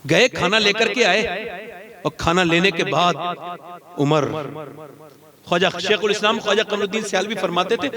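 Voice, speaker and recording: A man preaching a sermon, telling stories with fervor and building to loud, emphatic peaks. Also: high-pitched, normal speed, pauses often. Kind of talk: emotional sermon storytelling. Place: religious gathering with a live audience. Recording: crowd audible behind the voice.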